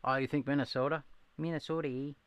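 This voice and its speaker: A man's voice: medium pitch, normal speed, creaky, fairly bright tone, no echo. A man hosting a casual live stream, rambling and chatting with viewers and answering their comments. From southeastern Massachusetts. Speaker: livestream host.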